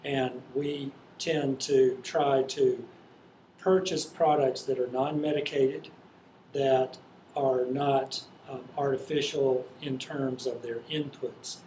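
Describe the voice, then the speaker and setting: A man speaking as an interviewed farmer, explaining his work in a halting, unscripted way. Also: mid-range voice, steady tone, warm tone. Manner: halting, hesitant delivery. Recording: echoey room with faint noise.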